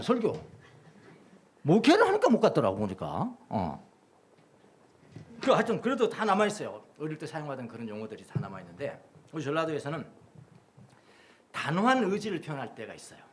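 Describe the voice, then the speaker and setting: Animated middle-aged Korean pastor preaching. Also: male voice, a little high, brisk, pauses often. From Jeolla, South Korea. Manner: animated, repeats phrases in rhythmic lists. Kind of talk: Sunday sermon. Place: church sanctuary.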